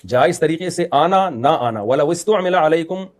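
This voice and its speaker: A man's voice: fairly high pitch, expressive, moderate pace. A middle-aged man with a Pakistani Urdu accent, a religious scholar answering interview questions in an emphatic, lecturing way with joking asides.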